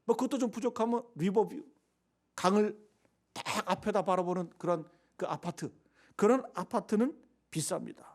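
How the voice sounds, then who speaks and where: A pastor delivering a Sunday sermon in a fairly high voice. He preaches emphatically and keeps turning to the congregation with rhetorical questions. His volume swings between loud stresses and near-whispered asides. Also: moderate pace.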